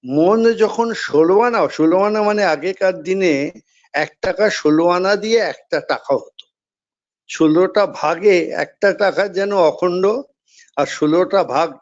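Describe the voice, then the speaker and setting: A man giving a measured devotional discourse, explaining and repeating key phrases as he goes. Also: high voice, highs cut off. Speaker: spiritual speaker.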